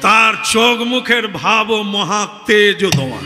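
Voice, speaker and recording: A man's voice: sits high, lively intonation, takes it slowly, pushed and bright, big-room sound, soft background music. A man telling a devotional story in kirtan style, dramatically voicing the characters. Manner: dramatic, switches between voices of characters.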